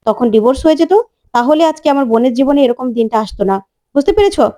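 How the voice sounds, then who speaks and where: A woman voicing an angry young husband who confronts his wife forcefully. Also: high-pitched, very fast, natural voice. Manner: forceful, indignant.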